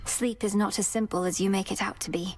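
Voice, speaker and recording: A woman's voice: mid-range voice, steady tone, brisk, a little mellow, a little hiss or hum, close to an everyday voice. An actress playing an earnest, polite, determined young witch princess in a video game.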